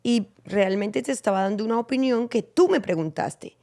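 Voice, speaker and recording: A woman hosting a faith-based conversation, telling stories in an animated way and acting out the dialogue she quotes. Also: medium pitch, normal speed. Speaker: podcast host.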